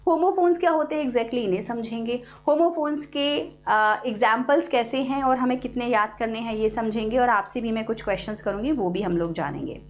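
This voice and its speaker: Indian woman English teacher, high voice, patient step-by-step online lesson. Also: fairly quick, few pauses. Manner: explains step by step, repeats key words, addresses students as kids. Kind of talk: online class lecture.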